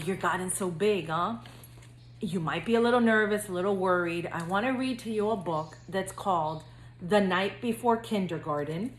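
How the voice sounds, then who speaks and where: A woman school counselor speaks to young children in a gentle, singsong, read-aloud storytelling style. Her voice is medium-pitched, and the sound is roomy.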